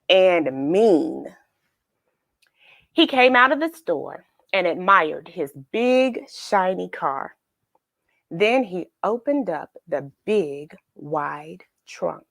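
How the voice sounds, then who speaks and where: In a studio-quality recording with no room sound, a woman with a lowish, creaky voice hosts a children's read-aloud. She tells the story expressively and emphatically, using dramatic pauses and asking her young listeners questions.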